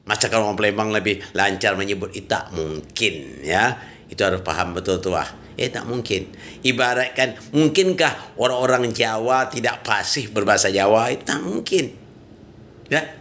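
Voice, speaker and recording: A man's voice: fairly low pitch, moderate pace, fairly bright tone, slight background noise. A man giving an informal religious talk, emphatic and colloquial, with frequent "ya" and "nah" tags. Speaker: religious preacher.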